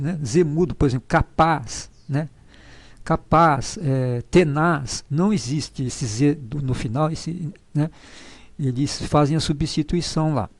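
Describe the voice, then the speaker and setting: Man, pronunciation lesson, patient and slow, slightly high voice, mellow tone. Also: no room sound. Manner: slow, patient, repeats syllables and "tá?" checks. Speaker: language teacher.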